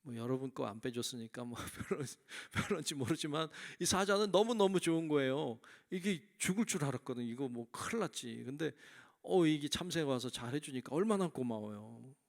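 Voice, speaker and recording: A man's voice: fairly high pitch, expressive, brisk, creaky, few pauses. A male senior pastor preaching a sermon in church, telling a story and asking the congregation questions.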